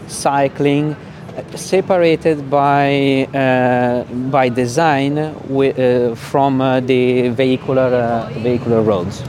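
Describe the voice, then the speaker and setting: A man with an Italian accent answers interview questions in a halting, searching way. He is recorded outdoors in the city, with faint traffic noise around him. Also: mid-range voice, a little mellow. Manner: hesitant, halting delivery. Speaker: sustainability officer being interviewed.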